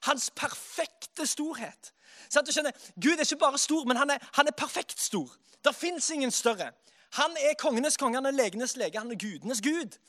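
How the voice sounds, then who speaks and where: A man preaching a sermon in a lively way, dropping soft and then rising to loud exclamations. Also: very high voice.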